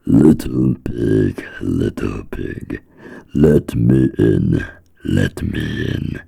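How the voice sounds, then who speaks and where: Man as big bad storybook wolf, deep firm gravelly voice, very slow, menacing. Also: expressive, mellow, heavily acted. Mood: coaxing. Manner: firm, slow, drawn-out threats.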